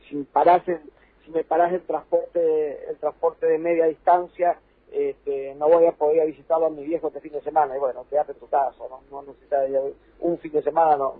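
An Argentine man, a provincial health official, insistently explains rules during a radio interview conducted by phone, repeating points for emphasis. His voice is a little high and slightly rough, with no echo, over a dry, tinny phone line.

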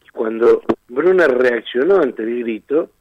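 A man's voice: medium pitch, lively intonation, measured pace, no echo, narrow, tinny audio. A man with an Argentine Spanish accent, a defense lawyer arguing his case insistently in a radio interview, firing off rhetorical questions.

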